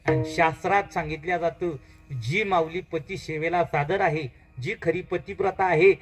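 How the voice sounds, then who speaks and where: A man with a Marathi accent tells a devotional story as a kirtan preacher, keeping the crowd in it with quick questions. His voice sits a little higher than most men's and jumps up loud and high on key words. Faint music hums underneath. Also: steady tone, poor audio. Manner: call-and-response questions, dramatic rises in pitch and volume.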